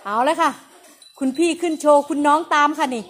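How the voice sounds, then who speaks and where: A woman's voice: high-pitched, brisk, fairly bright tone, a little hiss or hum. A woman, chatting and teasing as she narrates outdoors. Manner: chatty, teasing, polite particles. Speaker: vlogger narrating elephant calves. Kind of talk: casual on-the-spot commentary. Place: outdoors at an animal pen.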